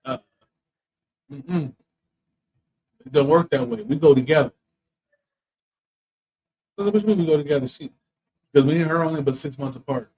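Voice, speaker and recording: Comedian guy chatting and cussing, keeps saying "you know", voice a bit high. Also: moderate pace, pauses often, a little mellow, rough recording. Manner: loose, profane, emphatic with repeated asides. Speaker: comedian and co-host. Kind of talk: casual chat, personal storytelling.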